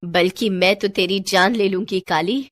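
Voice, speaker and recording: A woman's voice: mid-range voice, unhurried, a bit bright, dry recording, close to an everyday voice. A woman voicing a brave young snake-woman mother in a storybook tale, speaking urgently.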